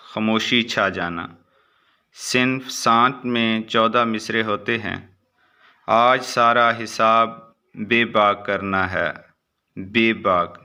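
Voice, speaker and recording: A man reading short exam answers aloud as a teacher, in a steady recitation with brief asides. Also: fairly low pitch, smooth.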